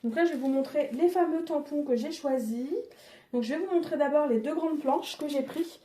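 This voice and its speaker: Speaking at normal speed in a high, dark-toned voice, a woman shows her craft purchases in a casual vlog, with a little hiss or hum in the audio. This crafting vlogger's product haul is chatty and hesitant, with lots of fillers and self-corrections.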